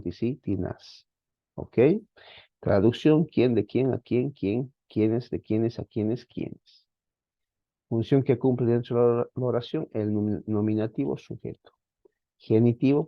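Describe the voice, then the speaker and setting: A Greek teacher with a fairly low voice delivers an online grammar lecture, patiently repeating points and checking in with his students. The sound is dry, a little dull, and free of room sound, like a plain lo-fi mic.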